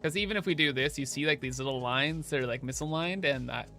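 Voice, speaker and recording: A man's voice: mid-range voice, quick pace, pushed and bright, faint music behind. A young man livestreaming over a headset mic, thinking aloud in a casual, chatty way while he builds in a game.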